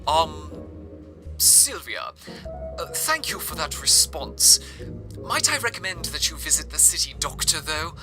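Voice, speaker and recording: Over music, a performer plays a theatrical, sentimental city radio host in an amateur audio drama, delivering scripted broadcast narration with florid phrasing. The voice is medium-pitched and unhurried, with big pitch swings and a genteel, theatrical mood.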